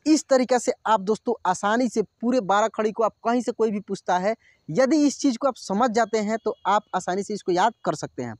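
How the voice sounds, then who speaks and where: A man's voice: sits high, brisk, a little mellow, no echo, clean studio sound. A man teaching a Hindi lesson, patiently repeating each syllable and talking to viewers as friends. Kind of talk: online lesson, drilling syllables.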